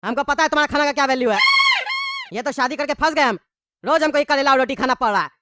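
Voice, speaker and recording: Woman doing a grumpy cartoon husband, bickers fast and high. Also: background noise, close to an everyday voice. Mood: grumbling. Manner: rapid angry bickering. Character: hot-tempered grown man, quarrelsome husband and father. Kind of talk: cartoon voice acting.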